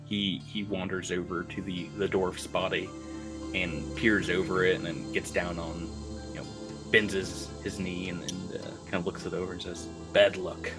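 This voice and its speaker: A man narrating as game master of a tabletop podcast, chatty and quick to laugh. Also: sits low, music in the background. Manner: chatty, laughs often, lively.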